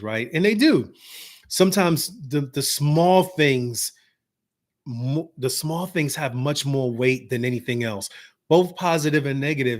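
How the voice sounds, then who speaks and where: A man talks through marriage advice in an easygoing, motivational way. He acts out little snatches of dialogue and now and then drops into a calm, soft tone to show an example. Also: medium pitch. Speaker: host giving marriage advice. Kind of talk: casual motivational talk.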